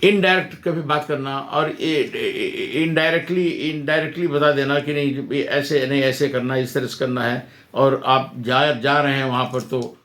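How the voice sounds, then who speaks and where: A man, an advocate teaching about communication in a halting, repetitive explanatory way. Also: medium pitch, steady tone, a bit bright. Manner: halting, repeats words and restarts often. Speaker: advocate giving a legal lesson. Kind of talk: informal explanatory talk.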